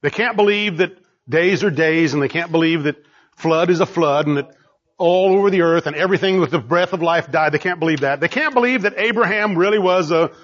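A man preaching a sermon as pastor, swinging between loud exhortation and low asides. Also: fairly quick, lo-fi sound.

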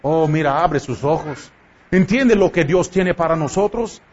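A man's voice: a little high, lively intonation, a little slow, darkish tone. A man preaching a sermon to his congregation in a church, pressing them with impassioned rhetorical questions. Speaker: pastor. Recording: dull lo-fi church recording.

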